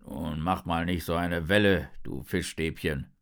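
A man voicing a big, grumbling sea turtle who talks slowly and lower than his own voice. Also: vocal fry. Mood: grumpy. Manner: grumbling, slow.

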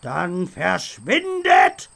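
A reader voicing a menacing ghostly suit of armor in a children's audiobook, with slow, booming, hollow threats. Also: huge pitch swings, fairly bright tone, heavily acted. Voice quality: hollow, hoarse cackle voice. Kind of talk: audiobook character voice.

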